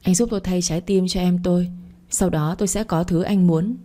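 A woman's voice: fairly low pitch, steady tone, fairly quick, mellow, natural voice. A woman voicing a grieving young woman who speaks earnestly and pleads.

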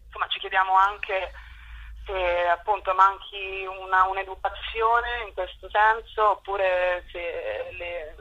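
Over a rough, muffled phone connection, a young woman who speaks for a youth group talks informally as an interview guest. Her voice is medium-pitched, steady, pushed and bright, and she takes her time.

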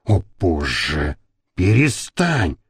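A man reading an audiobook, voicing a nervous male thug who speaks in a low, hushed voice. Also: sing-song, measured pace, dry recording, full character voice. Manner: hushed, pleading. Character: nervous male thug caught in a hotel room.

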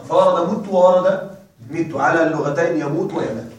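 A man with a high voice teaches a grammar class, drilling his students call-and-response style and prompting them to complete each word. He sounds distant from the microphone, and the room rings with strong echo. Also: fairly quick, muffled recording. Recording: very echoey room, voice far from mic.

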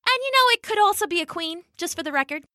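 A woman's voice: animated, pushed and bright, no echo, clean studio sound, full character voice. A woman voicing a skeptical warty female frog who answers in a sarcastic, raised voice. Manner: sarcastic, quick and high.

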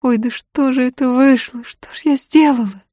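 A woman's voice: mid-range voice, normal speed, darkish tone, no room sound, voice pushed up, lightly acted. A woman voicing a tearful, self-blaming young peasant woman who talks in plaintive, folksy village speech. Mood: sobbing, self-reproach.

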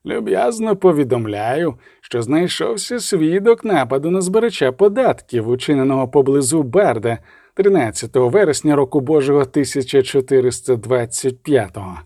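A man's voice: mid-range voice, lively intonation, moderate pace, hardly any pauses, dark tone, no room sound, clean studio sound. A man voicing a sinister cold assassin. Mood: menacing. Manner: menacing, sardonic.

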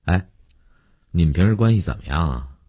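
A man voicing a brisk police officer asking quick, probing questions. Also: sits low, expressive, warm tone, slightly rough.

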